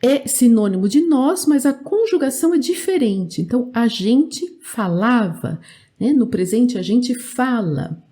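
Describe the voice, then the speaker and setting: A woman with a Brazilian Portuguese accent teaching a language lesson, speaking clearly and drilling verb forms for learners to repeat. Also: on the high side, lively intonation, a little slow, warm tone.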